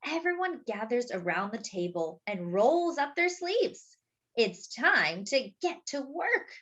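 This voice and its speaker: A woman with a high, lively voice hosts children's story time, reading a picture book aloud slowly and leaning hard on key words for emphasis. Between sentences she offers young listeners short, simple explanations. The audio sounds slow and dull.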